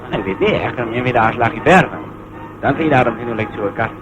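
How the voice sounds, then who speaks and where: A man's voice: mid-range voice, expressive, fast talker, muffled recording, over music, lightly acted. An actor playing a shy young male farmer from South Africa, hesitant and stammering, in 1950s film comedy acting. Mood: sheepish.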